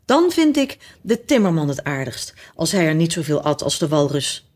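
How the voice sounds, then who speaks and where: A woman's voice: low-pitched, very animated, normal speed, darkish tone. A woman voicing an earnest, caring young girl who is easily indignant.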